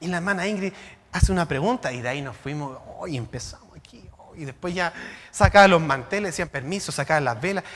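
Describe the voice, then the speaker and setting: Male pastor, high voice, sermon in a reverberant church hall, rhetorical questions. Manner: rhetorical questions, shifting between loud and quiet.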